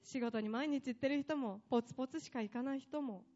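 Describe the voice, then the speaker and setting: A woman's voice: sits high, a little fast, dark tone, highs cut off, faint music behind. A woman preaching a sermon with impassioned delivery, building up long emphatic lists.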